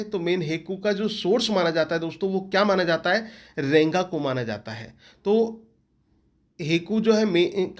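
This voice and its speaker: His voice sits high, and he speaks with an Indian accent. As an English literature teacher running an exam-prep lecture, he regularly restates the questions his students ask.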